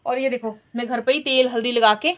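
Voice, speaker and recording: A woman's voice: fairly high pitch, steady tone, a little fast. A woman in her thirties from India, casually chatting to her followers, confiding and laughing as she talks. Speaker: vlogger.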